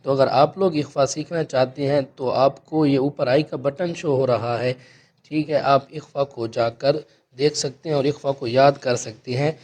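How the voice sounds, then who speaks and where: A man's voice: mid-range voice, steady tone, darkish tone. A man teaching Quran recitation, explaining each letter and rule patiently and checking in with his students. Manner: slow drawn-out chanted recitation of verses.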